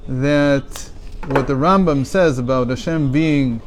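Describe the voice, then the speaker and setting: A man's voice: medium pitch, slow pace. A man teaching a daily religious text class, reading passages aloud, translating them, and explaining them with rhetorical questions.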